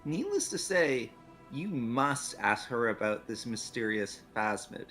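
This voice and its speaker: A man's voice: mid-range voice, big pitch swings, unhurried, bright, forceful tone, faint music behind. A man casually co-streaming a video game, commenting and reading lines aloud.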